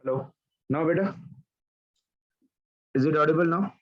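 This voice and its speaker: Leading an online physics class over a call, a man walks students through problems one step at a time and asks them to supply answers. He speaks at normal speed in a voice that's a little high, captured with lo-fi sound.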